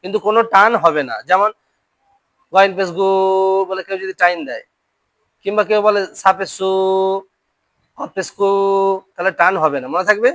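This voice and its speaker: A mid-range, slightly bright voice leads a Quran reading lesson at a normal pace, pausing often while drilling letters and syllables aloud. Students in this classroom with a board are repeatedly asked whether they will remember. The recording is dry.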